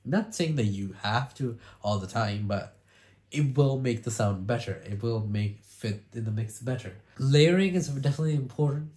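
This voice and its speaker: A music producer and video host with a cold gives a casual sound design tutorial in a congested, lowish, slightly mellow voice. He talks a little slowly, rambling loosely with lots of "you know" and restarts.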